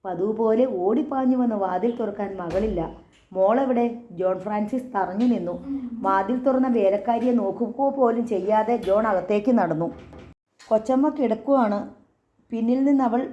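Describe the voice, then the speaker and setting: A woman narrating a story audiobook in a measured, dramatic manner. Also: mid-range voice, dark tone. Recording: echoey, slightly dull recording.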